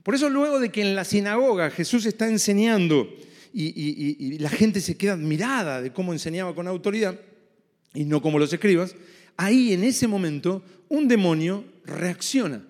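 A man's voice: sits high, lively intonation, moderate pace, a little mellow, in a large hall. A male pastor preaching a sermon in an emphatic way, repeating key phrases.

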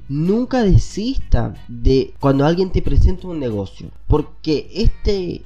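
A man with a Latin American Spanish accent hosts a podcast, his voice on the high side and mellow but stuffy and congested from a cold. He delivers a casual motivational monologue, talking directly to his listeners in a conversational way. The recording has a lo-fi sound.

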